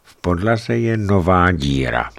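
A man with a deep, low voice reads his travel memoir like an audiobook. His delivery is tense and measured, building suspense. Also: big pitch swings, gravelly. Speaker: narrator of his own desert journey.

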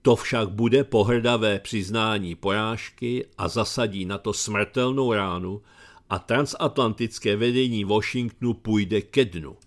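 A middle-aged man with a Czech accent, reading his commentary aloud in a dry, sardonic tone. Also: fairly low pitch.

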